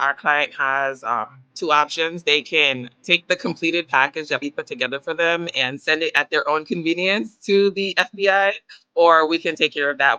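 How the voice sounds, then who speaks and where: A woman's voice: sits low, bright, forceful tone, smooth, no room sound, highs cut off. A woman from Guyana, a company founder, explaining her services in an upbeat, confident way. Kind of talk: business interview.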